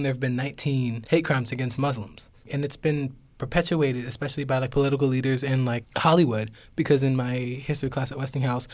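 Teen boy chatting on youth radio. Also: medium pitch. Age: teens. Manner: casual, lots of fillers. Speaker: student panelist. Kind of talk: casual discussion. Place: radio studio.

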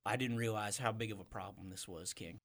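A performer voicing an earnest merman mayor in improvised comedy, halting as he pleads and reasons. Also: low-pitched, gravelly, a bit bright, voice pushed down, heavily acted. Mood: conciliatory. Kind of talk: improvised comedy role-play.

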